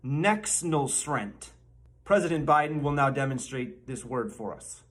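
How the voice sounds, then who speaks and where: A man hosting a comedy channel, sarcastically teaching mock words and drawing them out slowly. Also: mid-range voice, background noise. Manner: sarcastic, slow over-enunciation. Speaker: channel host. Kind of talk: mock-lesson commentary.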